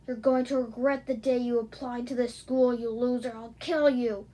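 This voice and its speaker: A woman voicing a hot-tempered, cocky teenage boy who shouts threats in a fan-made audio story. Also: a little high, fairly even intonation, a little slow, distant mic, close to an everyday voice. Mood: angry shouting.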